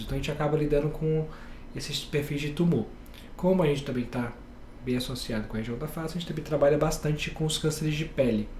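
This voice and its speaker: A man from Bahia, a head and neck surgeon, calmly explaining his specialty step by step on a podcast. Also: mid-range voice, echoey room, slight background noise. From Bahia, Brazil. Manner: calm, explains step by step with plain examples.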